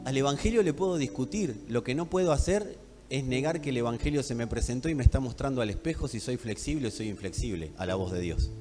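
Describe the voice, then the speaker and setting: A man from Buenos Aires with a Rioplatense accent, preaching a sermon emphatically and addressing the congregation directly, dropping to hushed tones and rising to loud ones. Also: mid-range voice, lively intonation, fast. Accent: Rioplatense Spanish. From Buenos Aires, Argentina. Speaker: pastor. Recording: echoey hall with faint music.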